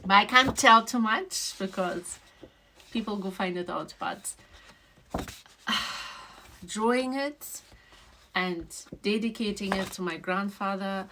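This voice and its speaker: A woman from Trinidad and Tobago, a children's book author and illustrator talking in a casual vlog. She talks haltingly, often repeats and restarts phrases, and her voice drops soft and low. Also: a little hiss or hum. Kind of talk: casual emotional vlog talk.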